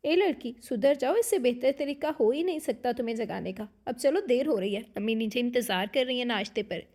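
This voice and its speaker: Woman doing a young wife nagging her cousins up, bright and bossy, high voice. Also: brisk. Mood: teasing. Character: young orphaned wife, gentle but teasing.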